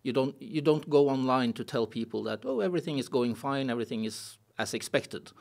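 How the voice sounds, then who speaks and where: Man, middle-aged, from Norway, mid-range voice, relaxed, dry humor, hesitant, podcast guest, desk mic. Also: medium pitch, brisk, creaky. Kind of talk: casual interview chat. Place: studio set with blue walls and a wooden table. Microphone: desk podcast mic on boom arm.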